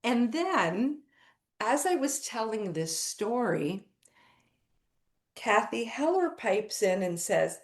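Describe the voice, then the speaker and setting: Middle-aged lady gushing thru a story, bit high pitched, echoey room. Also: slow, pauses often. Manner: excitable storytelling, acts out quoted voices. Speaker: podcast guest. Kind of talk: casual chat.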